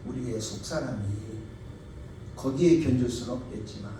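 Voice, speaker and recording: Guy preaching a sermon, loud then soft, very echoey church, mic kinda far. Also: mid-range voice, normal speed, slight background noise. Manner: tells stories, acting out quoted voices; emphatic, swings between loud and soft. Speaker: pastor. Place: church sanctuary.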